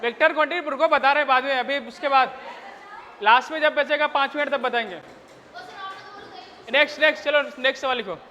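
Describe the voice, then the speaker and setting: A man's voice: extremely high pitch, fairly quick, long pauses, bright, forceful tone, a faint crowd, slight background noise. A male physics teacher running a rowdy class, scolding and teasing his students in crude slang between dictated questions. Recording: lo-fi classroom recording in a reverberant room.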